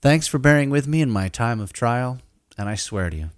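A man's voice: medium pitch, lively intonation, fairly quick, smooth, dry recording, clean studio sound. A man hosting a storytelling podcast, narrating scripted comic tales in the first person with a wry, mock-solemn, theatrical delivery.

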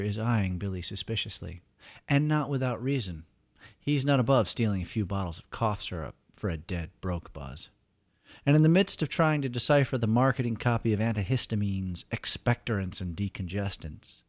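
A man narrating a scripted story as podcast host, in a wry, theatrical, deliberate manner. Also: on the low side, expressive, dry recording, clean studio sound.

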